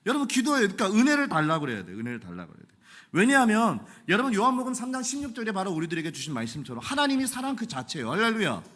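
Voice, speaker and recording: Animated high-voiced male pastor preaching. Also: racing, few pauses. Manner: animated, joking, conversational. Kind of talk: sermon. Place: church sanctuary.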